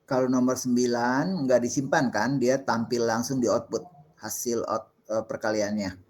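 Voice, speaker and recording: A man's voice: medium pitch, steady tone, normal speed, darkish tone. A middle-aged male lecturer takes questions from his class. He explains patiently and methodically, walking through small worked examples one step at a time. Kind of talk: classroom Q&A on assembly programming.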